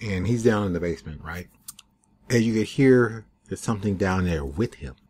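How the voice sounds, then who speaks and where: A man's voice: low voice, animated, moderate pace, darkish tone, slightly rough. A man giving a casual, rambling, digressive review of a TV episode into a desk microphone at home. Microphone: USB desk microphone.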